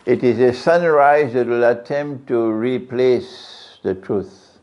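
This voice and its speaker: A man preaching a sermon, questioning his audience often. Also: slow. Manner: questions the audience, varies his pitch widely. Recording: lo-fi, dull sound.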